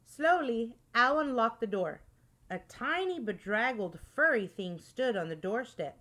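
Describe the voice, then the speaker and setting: A woman librarian reading a picture book aloud in an expressive storytime manner, with a light Texan accent. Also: fairly high pitch, a little slow. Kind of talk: storytime read-aloud with character voices.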